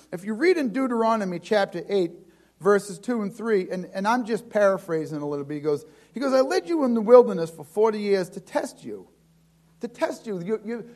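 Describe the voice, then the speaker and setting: A man preaching a sermon in a conversational way, often restarting and repeating words, and slowing down with a lower voice for scripture. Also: a little mellow.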